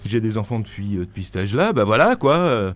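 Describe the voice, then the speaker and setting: A man in his fifties asking questions in a radio studio, frank and quick when he presses a point. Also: lowish voice, big pitch swings. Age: 50s.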